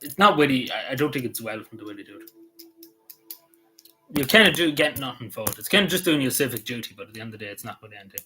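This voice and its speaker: Answering live chat as a YouTuber, this Irish man rambles casually, with lots of "you know" and restarts. He's animated and talks fast in a mid-range voice with a sharp tone, and faint music plays in the background.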